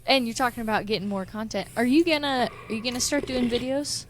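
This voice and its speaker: A woman's voice: on the high side, a little hiss or hum. Woman co-hosting a podcast, casual. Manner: quick to agree, lots of short back-channel replies. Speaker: podcast co-host. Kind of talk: casual chat.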